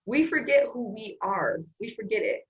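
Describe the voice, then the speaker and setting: A woman's voice: on the high side, lively intonation, normal speed, lo-fi sound. A woman in casual motivational chat, emphatic and preachy, quoting scripture and urging listeners to speak life over themselves.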